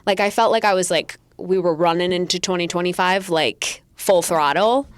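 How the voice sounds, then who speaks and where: A woman's voice: on the low side, normal speed, dry recording. A woman co-hosting a casual podcast in a bubbly, playful way, with some casual swearing. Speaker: podcast co-host.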